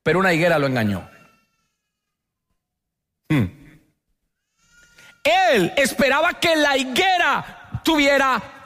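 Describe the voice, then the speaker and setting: A man from Colombia with a Colombian Spanish accent, preaching a lively sermon as pastor and having the congregation repeat lines after him. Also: extremely high pitch.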